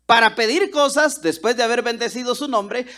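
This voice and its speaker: A man's voice: extremely high pitch, moderate pace. A man from Guatemala, preaching a sermon and telling stories, acting out the dialogue in different voices. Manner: animated, acts out dialogue with voices. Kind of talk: sermon with storytelling.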